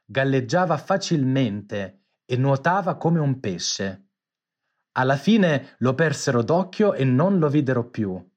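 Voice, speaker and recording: A man narrating a children's storybook, reading aloud expressively. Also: medium pitch.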